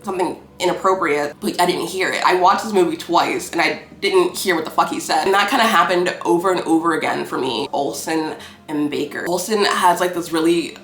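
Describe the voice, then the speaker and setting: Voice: mid-range voice, brisk, a bit bright, echoey room. A film reviewer talking casually about a movie, rambling, cursing and playfully petty.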